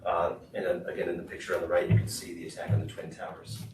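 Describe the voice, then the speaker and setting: A man interpreting a student's talk into English at a school board meeting, steady with frequent "uh". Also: sits low, brisk, faint music behind. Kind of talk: consecutive interpreting. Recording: echoey room, far mic, noisy.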